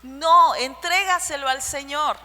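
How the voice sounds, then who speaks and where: A woman preaching a sermon to the women of her church, with a shrill voice, sharing personal stories and asking the listeners rhetorical questions. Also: measured pace, sharp tone. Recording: church hall reverb with faint hum.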